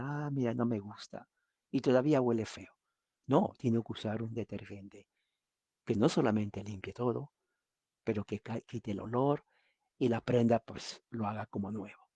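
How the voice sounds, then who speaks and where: A man preaching a sermon as pastor, telling stories in a lively way and acting out the quotes. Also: mid-range voice, gravelly, slightly rough, no room sound.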